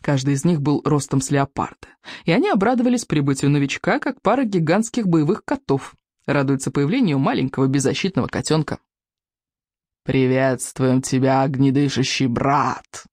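An audiobook narrator reading with a lot of swing in the voice, climbing high at the exciting moments. The sound is dry and close, with no room heard around it. The delivery is that of expressive storybook telling. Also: a little fast, no echo. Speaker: audiobook reader. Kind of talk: scripted narration.

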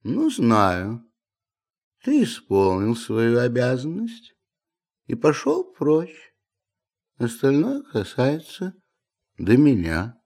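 A man's voice: medium pitch, wildly swooping pitch, slow, pauses often, a little mellow, voice pushed up, heavily acted. A man voicing a lazy, sleepy male landowner who grumbles peevishly at being woken. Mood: drowsy, peevish.

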